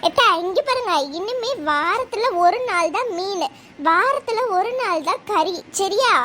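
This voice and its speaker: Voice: extremely high pitch, expressive, a little slow, sharp tone, a little hiss or hum, exaggerated voice. A young performer voicing a crafty, spendthrift young daughter-in-law in a comedy sketch, speaking with a Thoothukudi Tamil accent in a coaxing, offhand way. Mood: lecturing.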